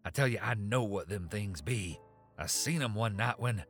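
A man voicing a crazed old townsman who rambles in a frantic rustic drawl, swinging from loud shrieks down to whispers. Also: on the low side, lively intonation, normal speed, faint music behind, voice pushed up.

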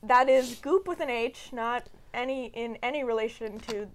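A woman's voice: a little high, moderate pace. A young woman hosting a casual, joking podcast recorded in a basement, giggly and sweary. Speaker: podcast host. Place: basement of a family home.

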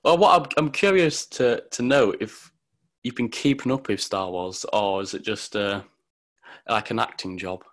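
A man's voice: lowish voice, moderate pace, a bit bright. A young man, hosting a podcast in casual, rambling chat. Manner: friendly, easily laughing, rambling. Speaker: podcast host.

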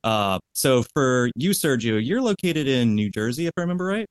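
A man's voice: mid-range voice, very animated, moderate pace, clear, resonant tone, no echo. A man co-hosting a podcast, chatting loosely with lots of filler words. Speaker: podcast co-host. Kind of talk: casual podcast chat.

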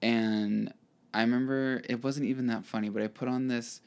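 A man's voice: medium pitch, steady tone, moderate pace, a little mellow, clear, resonant tone. Laid-back young man co-hosting a chat. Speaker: podcast co-host. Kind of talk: casual chat.

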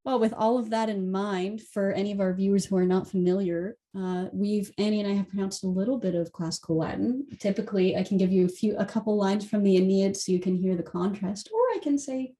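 A woman's voice: mid-range voice, steady tone, brisk, few pauses, warm tone. A woman hosting a casual discussion as a Latin teacher, asking questions and reciting Latin lines. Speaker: podcast host and Latin teacher.

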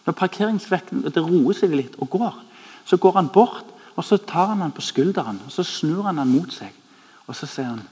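A somewhat high-voiced, husky man preaches in a hall with long reverb. He tells stories with lively drama, acting out the people in them and sinking to a near whisper for effect. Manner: animated, acts out quoted voices, drops to hushed tones. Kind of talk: sermon with storytelling.

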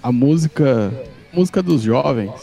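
A man's voice: medium pitch, animated, unhurried, creaky, mellow, soft background music. A man with a Brazilian accent reflecting in a colloquial, storytelling way during a casual podcast discussion.

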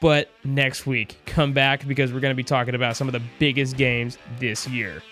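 A man's voice: mid-range voice, little pitch movement, moderate pace, a bit bright, soft background music. A man hosting a sports podcast, chatting casually with an earnest, emphatic manner.

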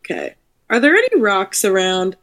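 A woman's voice: medium pitch, big pitch swings, normal speed, a bit bright. A woman playing a tabletop game, dry and hesitant, with many fillers. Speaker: player. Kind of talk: casual tabletop game play.

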